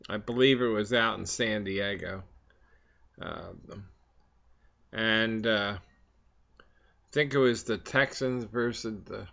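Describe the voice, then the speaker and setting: A man in a casual, rambling solo chat, speaking haltingly between puffs on his pipe, with frequent hesitant pauses. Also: medium pitch, gravelly, a bit bright. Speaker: vlog host. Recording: slightly dull, lo-fi sound.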